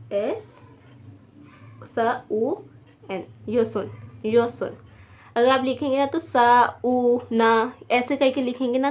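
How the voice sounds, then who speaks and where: A woman's voice: on the high side, darkish tone. A woman teaching a beginner language lesson, patiently repeating each word several times and checking in with her students.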